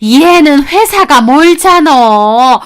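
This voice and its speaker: A woman voicing a shrill scolding mother-in-law. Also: animated, very slow, heavily acted. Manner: scolding, contemptuous. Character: nagging older mother-in-law, sharp-tongued.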